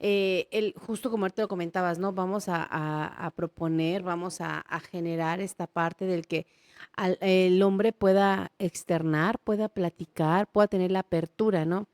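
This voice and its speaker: A woman's voice: fairly low pitch, fairly even intonation, moderate pace, darkish tone, no room sound, studio quality. A woman psychologist explaining ideas on a podcast, guiding and often checking that she is understood. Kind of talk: conversational podcast chat.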